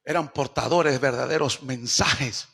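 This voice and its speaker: A man's voice: mid-range voice, moderate pace, vocal fry, a bit bright, husky. A man pastor preaching a sermon, firing rhetorical questions at the congregation and acting out quoted speech. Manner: acts out quoted speech in shifting voices. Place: church service.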